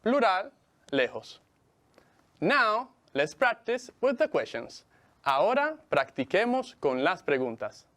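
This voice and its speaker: Slow, lively-voiced male English teacher. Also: high voice. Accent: Mexican Spanish. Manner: slow, carefully enunciated, repeats words for students. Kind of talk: bilingual televised English lesson.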